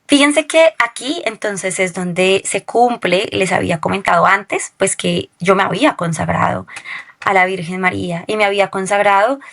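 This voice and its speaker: A woman recounts a personal testimony as an interview guest. She talks in a storytelling way and keeps checking in with her listener with a quick questioning tag. Her voice sits in a middle register. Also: mid-range voice, vocal fry, a bit bright.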